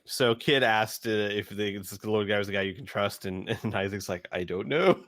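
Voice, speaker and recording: A man's voice: lowish voice, level tone, moderate pace, fairly bright tone, no echo, clean studio sound. A man running a tabletop role-playing game as game master, talking casually with his players. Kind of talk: casual game talk and narration among players.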